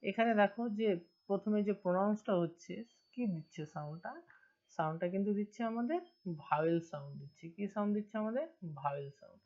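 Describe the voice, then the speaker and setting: A woman's voice: medium pitch, expressive, quick pace, darkish tone. A woman with a Bengali accent teaching English grammar in an online lesson, asking her students questions and answering them herself. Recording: dull lo-fi recording.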